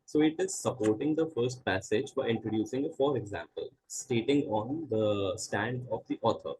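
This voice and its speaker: A man's voice: medium pitch, normal speed, a little mellow, slight background noise, rough recording. A male student on a video call explaining his reading hesitantly with many fillers. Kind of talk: asking questions in online class.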